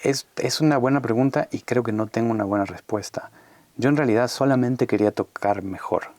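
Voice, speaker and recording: A man's voice: medium pitch, brisk, a little mellow, no room sound. Rambling, talkative Argentine-born man. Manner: talkative, rambling with many restarts, casual slang. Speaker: interview guest, musician. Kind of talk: conversational interview.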